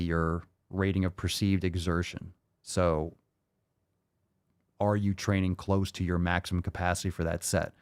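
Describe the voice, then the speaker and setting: A man in his late thirties with a very low voice hosts a live fitness Q&A. He answers viewers in a loose, thinking-aloud way, full of fillers and restarts. The sound is dry and close, with no room echo. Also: darkish tone, clean tone. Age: 30s. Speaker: fitness podcast host answering questions. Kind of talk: livestream Q&A.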